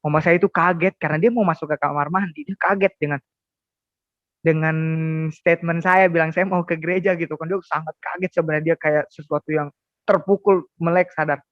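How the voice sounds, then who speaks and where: A young man giving an emotional personal testimony as an interview guest, often halting and repeating words as he tells it. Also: fairly high pitch, fairly even intonation, no room sound, dull audio. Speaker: guest sharing a conversion testimony.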